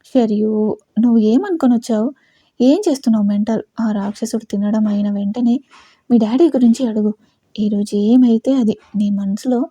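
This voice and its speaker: A woman's voice: on the high side, moderate pace, no room sound, natural voice. Woman voicing Sheriyu, a frightened defiant young woman. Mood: anxious. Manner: tearful, shouting accusations.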